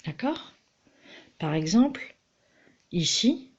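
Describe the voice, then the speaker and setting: Slow, patient mother teaching reading. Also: on the low side, sing-song, husky, highs cut off. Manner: patient, coaxing, instructive. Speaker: homeschooling mother. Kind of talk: reading lesson with a child.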